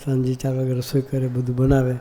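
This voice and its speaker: A man's voice: medium pitch, monotone, fast talker, mellow. A man giving a devotional discourse as a monk preacher, often asking the audience rhetorical questions.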